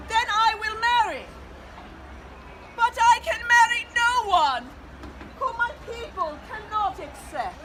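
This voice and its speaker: Woman doing a grand old-time queen, super high voice, slow proud speechifying, crowd and traffic noise all around outside. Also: full character voice. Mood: firm. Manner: declaiming, stately public oratory. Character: proud, stately royal queen devoted to her realm. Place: outdoors among a crowd near traffic. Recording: outdoor crowd and street noise.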